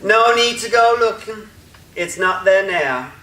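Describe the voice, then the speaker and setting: A man's voice: high voice, expressive, a little slow, bright, forceful tone, slight background noise, full character voice. An actor playing a sassy, fussy male housekeeper in a rehearsed stage reading, scolding and sardonic with theatrical flair. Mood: smug, firm. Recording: echoey room.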